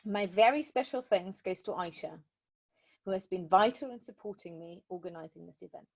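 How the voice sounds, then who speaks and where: A woman with a slightly husky voice hosts a formal online webinar. She speaks in a measured, courteous way, introducing the speakers. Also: medium pitch, darkish tone. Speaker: event organizer and host.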